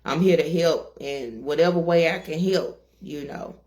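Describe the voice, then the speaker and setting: A woman co-hosting a casual interview, relaxed and rambling with frequent laughs. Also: deep voice, unhurried. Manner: relaxed and rambling, laughing often, many fillers. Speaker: co-host, interviewer.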